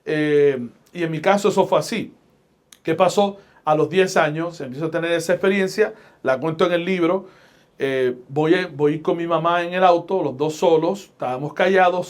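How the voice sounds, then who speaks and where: With a Puerto Rican Spanish accent, a middle-aged guest pastor and radio broadcaster from Puerto Rico tells stories during a podcast interview. He speaks deliberately and emphatically, like a preacher, pressing on each phrase and citing scripture, in a voice somewhat higher than the typical man's.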